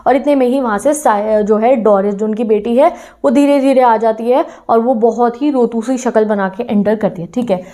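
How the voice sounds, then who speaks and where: A woman's voice: fairly high pitch, normal speed, few pauses, dark tone. A woman teacher with an Indian accent retelling a play as a lesson, acting out the characters' lines as she goes. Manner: acts out quoted lines with small voice shifts.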